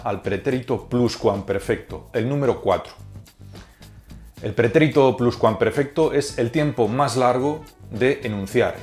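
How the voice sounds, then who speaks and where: A man narrating a scripted grammar lesson, reciting verb forms slowly and deliberately. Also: mid-range voice, a little mellow. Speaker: teacher. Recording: faint guitar music behind.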